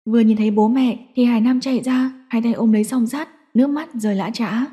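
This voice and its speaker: A woman reading a dramatic audio story as narrator, steady and scripted. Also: on the high side, a little fast.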